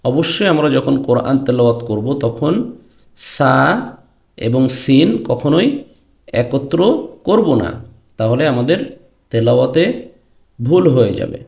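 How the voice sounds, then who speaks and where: A man teaches Quran pronunciation in a slow, deliberate way, speaking directly to his students. His voice is gravelly, and he draws out each letter name in a chanted tone. The recording has a noticeable room echo. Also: mid-range voice, big pitch swings, a little mellow. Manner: drawn-out chanted letter names between explanations. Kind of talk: pronunciation lesson. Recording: echoey room.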